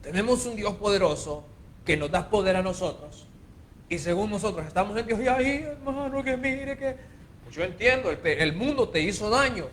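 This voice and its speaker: A man's voice: lively intonation, brisk, a bit bright, a little hiss or hum. A man preaching an informal sermon with passion, sometimes mocking the people he quotes in a whiny voice. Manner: impassioned, mocks quoted people in a whiny high voice.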